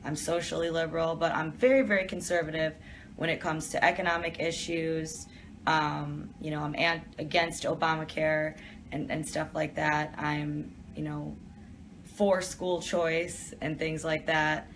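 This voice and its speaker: A young woman from Detroit, USA, chats casually during a live stream from an office, reading out viewer questions and answering them. Her voice is deep with little pitch movement and a measured pace, and there's a little hiss or hum.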